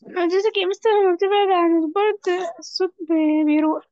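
A woman's voice: very high-pitched, fairly even intonation, fast talker, darkish tone, dry recording. A young woman student with an Egyptian Arabic accent on a video call, politely and hesitantly reporting a problem to her teacher. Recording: dry, dull lo-fi line.

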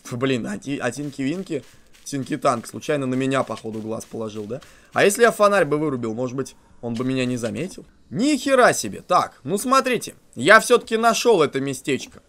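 A man giving crude, joking let's play commentary on a horror game, swinging from muttered asides to shouting at the character. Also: mid-range voice, expressive, brisk. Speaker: game streamer.

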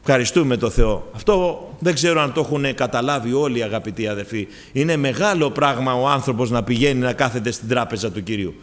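A man's voice: medium pitch, hardly any pauses. A man from Greece preaching a fervent sermon, often calling out to the congregation as brothers.

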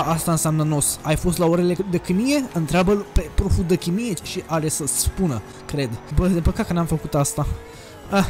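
A young man talks over his racing game in a casual, crude commentary. His voice sits high and jumps into loud excited shouts. Faint game music plays under his voice from a desk microphone at home. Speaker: gaming youtuber. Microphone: desk USB microphone.

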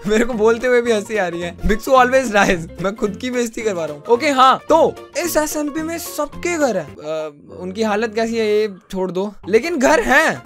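Casual gameplay commentary comes from a young male YouTuber with an Indian accent whose very high voice has a slightly bright edge. He blends English into his talk and teases himself good-naturedly throughout.

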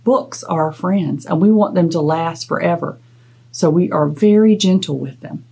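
In a small room with a plain wall, a middle-aged woman leads children's storytime as a librarian, mixing instruction with playful drama as she talks and reads aloud. She speaks at a moderate pace in a fairly low, creaky, mellow and husky voice.

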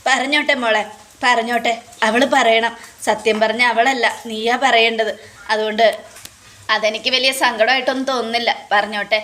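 A woman's voice: a little high, fairly even intonation, normal speed, fairly bright tone, close to an everyday voice. A woman reading out the lines of a remorseful aging father, recounting a scene in her own voice. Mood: resigned.

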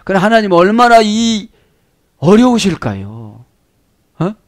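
A man preaching an expository sermon as pastor, animated, constantly prodding listeners with "eh?" and swinging between loud emphasis and low asides. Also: takes it slowly. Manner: animated, prodding the congregation with repeated "eh?".

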